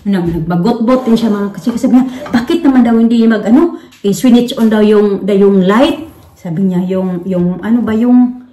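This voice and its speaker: A vlogger from the Philippines speaks at normal speed in a dark, mid-range voice, casually rambling to her audience with many fillers and restarts. The mic is distant, giving a roomy, off-mic sound with faint noise.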